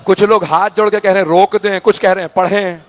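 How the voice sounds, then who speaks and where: A man's voice: sits high, steady tone, fast. A male cleric reciting a mourning sermon with impassioned emotion, repeatedly calling on the audience to look at him.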